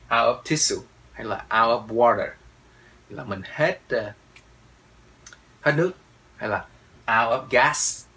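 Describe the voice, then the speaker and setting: A man leads a pronunciation lesson at an unhurried, drawn-out pace. His pitch sits in an ordinary middle range. He repeats each word patiently, several times over, before explaining it. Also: gravelly, bright, forceful tone, poor audio. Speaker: English teacher.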